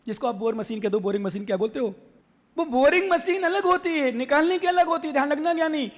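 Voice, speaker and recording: A man preaches a sermon in a very high voice for a male speaker. He talks in quick bursts and questions his listeners by name. His words ring out with a long hall reverb. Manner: rapid talker who quizzes listeners by name. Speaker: Jain monk preacher.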